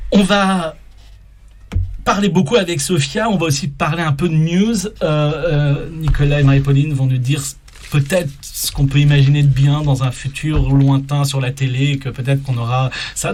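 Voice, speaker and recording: A man with a French accent hosting a live radio show from a studio, talking in a halting way with many fillers and restarts. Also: mid-range voice, a little mellow, slight background noise. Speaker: radio host. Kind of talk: hesitant live radio chat.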